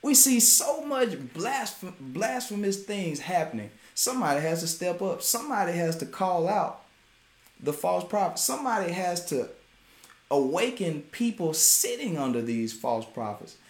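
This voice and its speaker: A man delivers an informal sermon, high-pitched and highly animated, laughing between points. His voice rings in a roomy, echoey space. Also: normal speed. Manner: animated, laughs often, Southern US vernacular. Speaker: preacher.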